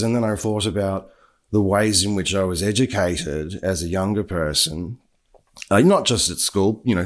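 A young man, a writer and podcast co-host, talking in an earnest, reflective way with frequent restarts. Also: low voice. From Australia. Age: young adult. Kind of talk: casual chat.

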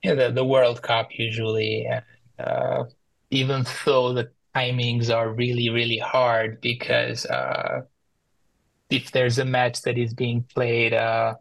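Podcast guest, male, Albanian accent, narrow even intonation, close dry sound, conversational and good-humoured. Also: medium pitch, slow pace, creaky, no echo. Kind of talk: casual interview talk.

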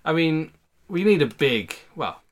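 A man co-hosting a podcast, pitching ideas in jokey, playful banter. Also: big pitch swings, measured pace. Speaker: podcast co-host. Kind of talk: casual chat.

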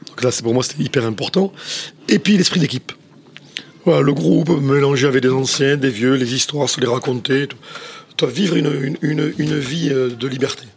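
A middle-aged chef from southwest France with a southwest French accent, telling stories in a rambling way with many restarts. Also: male voice, mid-range voice, moderate pace, creaky, a little hiss or hum. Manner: rambling, many restarts, says "tu vois" often. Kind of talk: casual interview storytelling.

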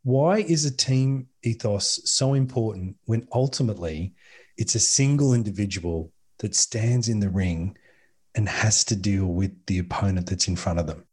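A man interviewing a guest, putting long, carefully framed questions in a deliberate way. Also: lowish voice, a little mellow, husky.

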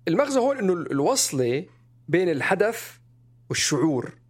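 A talkative young man, co-hosting a casual podcast and telling personal stories in an animated way. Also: a little fast. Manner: animated, chatty, jumps up in pitch when stressing points. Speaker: podcast co-host.

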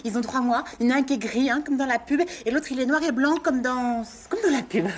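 Une actrice joue une collègue de bureau bavarde et enthousiaste. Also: female voice, sits high, fast, lightly acted. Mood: chatty. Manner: chatty, eager. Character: chatty office colleague woman.

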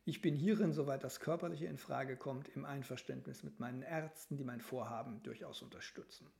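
A man voicing an ailing grand duke, the older brother, who speaks in a formal, tired and measured way in a novel reading. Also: mid-range voice, gravelly, darkish tone, close to an everyday voice. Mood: weary formal.

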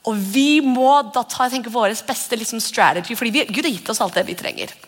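Lady pastor, husky voice, chatty sermon, big echoey church. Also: a little high. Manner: conversational, animated, acts out whispered voices. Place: church hall. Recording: long church reverb.

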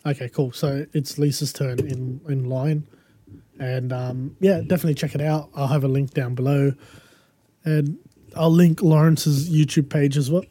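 A husky-voiced man hosts a casual podcast, pitched a little high with a soft, unforced tone. He talks like a mate, full of banter and teasing. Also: fairly even intonation, normal speed. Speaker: podcast host.

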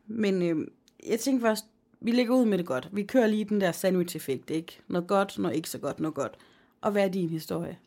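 A woman's voice: mid-range voice, darkish tone. Teasing woman radio host. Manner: teasing, quick quips. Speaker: podcast co-host and radio presenter. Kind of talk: casual chat.

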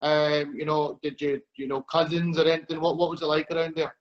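A man hosts a podcast interview in a broad Glaswegian Scottish accent. His voice sits high for a man, and he talks haltingly, deliberately slowing himself down. The recording is a little dull and lo-fi. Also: completely flat delivery. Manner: halting, deliberately slowed speech. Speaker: podcast host. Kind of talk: conversational interview. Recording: dull lo-fi audio.

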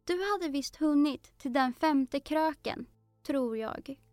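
A woman's voice: high-pitched, a little mellow, dry recording, clean studio sound, faint music behind, pitched above the performer's own voice, lightly acted. A woman voicing Alice, a curious, polite young girl who talks earnestly and eagerly in a storybook. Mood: apologetic.

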